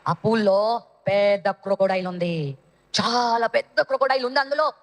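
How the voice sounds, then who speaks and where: A woman's voice: mid-range voice, normal speed, long reverb tail. A woman Sunday school teacher telling a dramatic Bible story to children, speaking to them directly.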